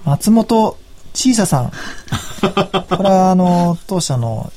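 A man's voice: sits high, very animated, drawn-out words, crowd noise. A man commenting on a radio talk show in a studio, reading out rankings in an easygoing, wry, teasing way. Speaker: securities firm commentator.

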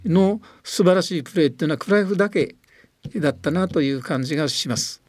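Older man, high voice, Tochigi lilt. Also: expressive, darkish tone. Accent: Tochigi-tinged Japanese. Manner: earnest, explaining at length with emphatic pauses. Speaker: guest, former soccer coach and commentator. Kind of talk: radio studio talk.

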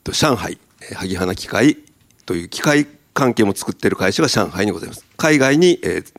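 A man's voice: lowish voice, animated, brisk. A man from Okayama, a company president, giving a formal presentation at a seminar with polite phrasing and many hesitant fillers. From Okayama, Japan. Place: seminar hall in Tokyo.

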